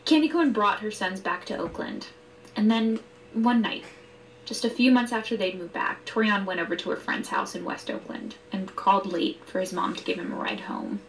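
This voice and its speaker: A woman reading scripted narration for a news piece in a measured, matter-of-fact way. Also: medium pitch, recorded from a distance, slight background noise, low-quality recording.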